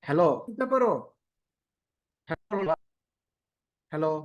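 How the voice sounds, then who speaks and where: A male teacher speaks through a computer mic on a video call, and his voice keeps cutting in and out as the connection drops. He keeps asking the children whether they can hear him clearly. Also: high-pitched, lively intonation, normal speed, muffled recording. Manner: checks whether he can be heard. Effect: voice breaking up over a choppy online call. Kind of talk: online class, talking to children.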